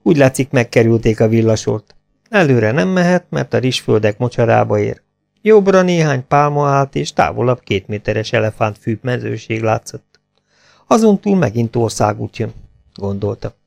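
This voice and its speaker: A man narrating an adventure novel as an audiobook, in steady, plain storytelling. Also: medium pitch, gravelly, soft background music. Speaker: audiobook reader.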